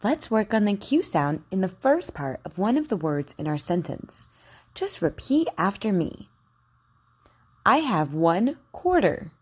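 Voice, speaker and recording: A woman giving an instructional speech drill, over-enunciating in a deliberate, careful way as she models sentences for repetition. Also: mid-range voice, sing-song, a little mellow, slightly rough. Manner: encouraging.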